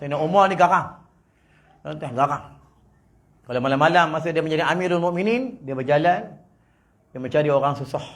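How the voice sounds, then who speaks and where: A fairly high-pitched preacher with a Malaysian Malay accent jokes his way through a religious lecture in a prayer hall. He teases those listening, and his delivery swings between loud and soft.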